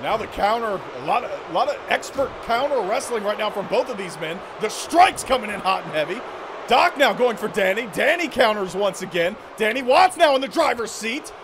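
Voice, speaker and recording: A man's voice: high-pitched, big pitch swings, a little fast, background noise. A man calling wrestling play-by-play in a dramatic, exclamatory style of match commentary.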